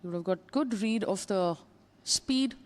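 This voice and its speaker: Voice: mid-range voice, measured pace. A golf commentator giving live commentary on tournament play, describing players and putts.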